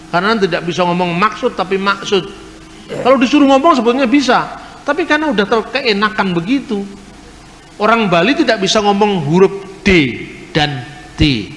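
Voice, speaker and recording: A man's voice: sits high, fairly bright tone. A man giving an explanatory lecture on scripture, now and then imitating regional pronunciations. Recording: echoey hall with faint noise.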